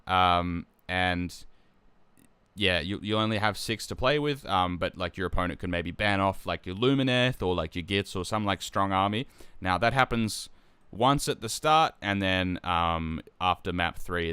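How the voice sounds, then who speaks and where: Deep, bright, dry-sounding man. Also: measured pace, smooth, dry recording. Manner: relaxed, with frequent fillers and restarts. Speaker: tournament organizer and stream host. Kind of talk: casual live-stream chat.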